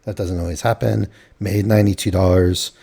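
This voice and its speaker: A slightly hoarse man casually recapping his trades at his computer in a matter-of-fact way, thinking aloud as he goes. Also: deep voice, fairly even intonation, brisk, warm tone.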